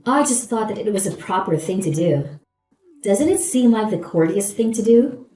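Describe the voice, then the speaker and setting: A woman's voice: medium pitch, expressive, normal speed, mellow, reverberant, soft background music, natural voice. A woman acting a gloating, falsely polite new wife in a scripted story, with a saccharine, condescending manner. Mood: smug.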